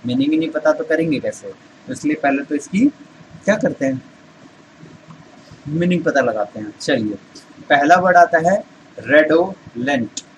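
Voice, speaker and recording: A man's voice: mid-range voice, noisy background. Hindi-speaking man teaching English words. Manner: explains step by step, keeps asking rhetorical questions and answering them. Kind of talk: Hindi vocabulary lesson with memory tricks.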